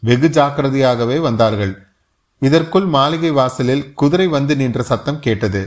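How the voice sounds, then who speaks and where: A man's voice: medium pitch, unhurried. Man narrating a historical novel. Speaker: audiobook narrator.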